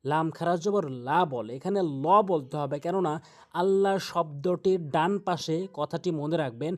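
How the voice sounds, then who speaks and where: A man's voice: fairly high pitch, a little mellow. Man teaching Quran pronunciation in Bengali-accented speech. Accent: Bangladeshi Bengali. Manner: explains pronunciation step by step, repeats sounds slowly. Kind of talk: Quran recitation lesson.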